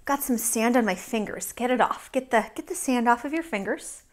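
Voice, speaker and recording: A woman teaching yoga to young children, playful and silly, with sudden high exclamations. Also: expressive, normal speed. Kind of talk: guided kids' yoga lesson.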